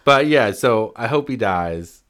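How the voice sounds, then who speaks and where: Profane animated man recapping a show. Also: medium pitch, a little slow. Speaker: podcast co-host. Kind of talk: casual TV recap chat.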